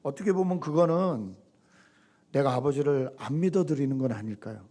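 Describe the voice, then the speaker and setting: A middle-aged man preaching a Sunday sermon as pastor, animated, acting out quoted lines and swinging between loud and soft. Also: mid-range voice, normal speed.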